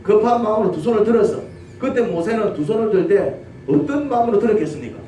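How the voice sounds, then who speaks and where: A male pastor with a Gyeongsang accent preaching a sermon, telling the story lively and asking his congregation questions. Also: high-pitched, quick pace. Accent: Gyeongsang Korean. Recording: roomy church audio from a distance, faint noise.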